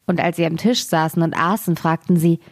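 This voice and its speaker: A woman reading a fairy tale aloud for a radio podcast in a calm, even storytelling manner. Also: fairly low pitch, fairly quick, dry recording, studio quality.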